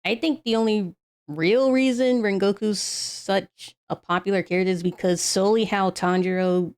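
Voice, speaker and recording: A woman chats casually as a streamer reacting on air. Her mid-pitched voice moves haltingly, doubling back on phrases as she works out each opinion. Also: fairly even intonation, darkish tone, clean tone. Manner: halting, repeats and restarts phrases while giving opinions.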